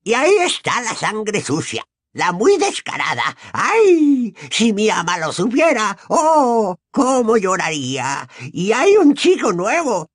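Kreacher, spiteful old house-elf. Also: male voice, high voice, huge pitch swings, slow pace, dry recording, clean studio sound, pitched above the performer's own voice, full character voice. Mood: muttering, spiteful. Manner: mutters spitefully under his breath. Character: bitter old male house-elf, grumbling and servile. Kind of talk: audiobook character voice.

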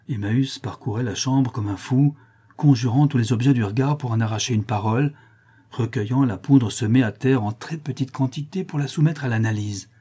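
Warm husky male storyteller. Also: medium pitch. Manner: measured, solemn storytelling. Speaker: narrator. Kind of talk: audiobook reading of a classic tale.

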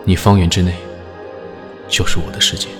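Guy w a lowish voice reading an audiobook intro, scripted n dramatic, soft new age music under. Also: steady tone, fairly quick. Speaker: audiobook voice actor reading the credits.

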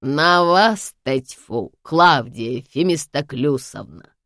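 A woman reading an audiobook voices a stern, sharp-tongued elderly grandmother who speaks slowly and tartly. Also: deep voice, animated, no room sound, studio quality, full character voice. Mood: sarcastic. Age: over 60 (figure). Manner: slow, clipped, tartly sarcastic.

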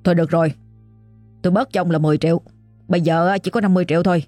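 A ruthless, greedy middle-aged boss who talks in rapid, gruff bursts, as a woman puts him on. Low and husky, with a dark tone. A faint music bed runs beneath. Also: steady tone, no room sound, lightly acted. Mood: threatening.

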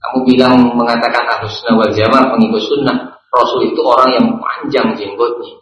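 A man's voice: medium pitch, fairly even intonation, fairly bright tone, slight background noise. A man giving a religious lecture, asking and answering his own questions and repeating a set blessing between phrases. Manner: repeats a set blessing, slow pauses, asks and answers himself. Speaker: preacher. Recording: roomy, dull lo-fi recording.

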